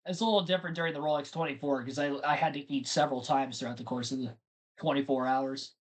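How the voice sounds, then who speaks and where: The audio is poor as a man with a medium-pitched, fairly even voice talks quickly while hosting a live race stream. In between updates on the race, he rambles casually and chats with his viewers, speaking right to chat.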